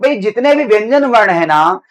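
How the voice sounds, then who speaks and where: A man's voice: sits high, animated. A male teacher giving an online grammar lesson. He asks the class questions, answers them himself, and repeats key phrases. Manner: slows down to dictate notes.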